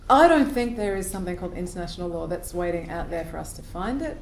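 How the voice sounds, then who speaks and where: A woman's voice: on the low side, darkish tone. A woman speaking as a panelist in an academic discussion, thoughtful and wry, arguing through rhetorical questions. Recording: echoey hall with faint noise.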